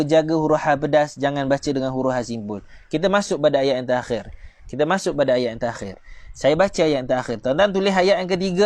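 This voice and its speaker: Man, Malaysian Malay accent, high voice, patient pronunciation drills, slow chanted recitation. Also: darkish tone, no echo. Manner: patient, repetitive pronunciation drilling, addresses viewers directly. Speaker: Quran recitation teacher. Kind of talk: online Quran reading lesson.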